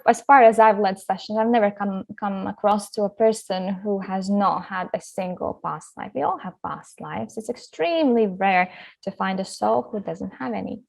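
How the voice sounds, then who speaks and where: A woman's voice: medium pitch, creaky. A woman from Latvia, a guest on a podcast, explaining her work in an upbeat, eager way. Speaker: hypnotherapy guest. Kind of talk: podcast interview.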